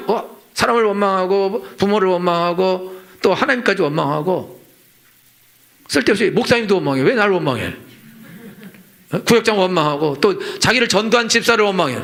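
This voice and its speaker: In a church sanctuary, a middle-aged senior pastor preaches a Sunday sermon, emphatic and rhetorical, repeating his points and acting out his listeners' complaints. His voice is high-pitched and creaky with a fairly bright tone.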